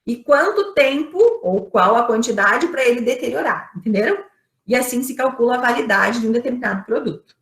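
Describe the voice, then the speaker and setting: A woman's voice: on the high side, a little fast, fairly bright tone. Brazilian woman teaching, echoey room. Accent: Brazilian Portuguese. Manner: explanatory, asks rhetorical questions, often checks in with "né?". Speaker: microbiology teacher. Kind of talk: online lecture.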